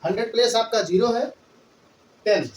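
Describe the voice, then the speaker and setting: Speaking at a moderate pace in a high voice, this man works through a Hindi-English maths lesson, counting place values aloud patiently and repetitively, one step at a time. His voice is distant in an echoing room, with a little background noise.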